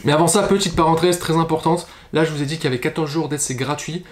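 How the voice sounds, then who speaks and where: A man walking viewers through a software setup in a casual screen-recorded tutorial, explaining step by step with frequent fillers. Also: fairly high pitch, steady tone, fast. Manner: casual, explanatory, many fillers and verbal ticks. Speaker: e-commerce tutorial host.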